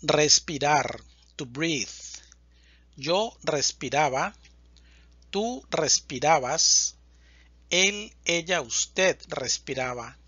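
A man teaching a slow, deliberate verb conjugation lesson, reading word lists with even spacing. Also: on the high side, breathy edge, no echo, highs cut off. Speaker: Spanish teacher.

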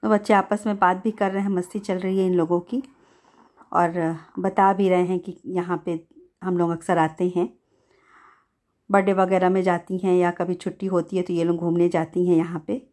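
A middle-aged woman gives a relaxed, chatty voice-over for her family's outing, linking each step with easy storytelling. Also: fairly low pitch, moderate pace. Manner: chatty, easygoing storytelling with many "to" linkers. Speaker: family vlogger.

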